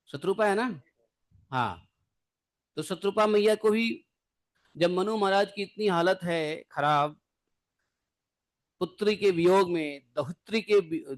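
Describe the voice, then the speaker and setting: A man giving a devotional scripture lecture in a conversational way, asking his class rhetorical questions and adding playful asides. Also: high voice.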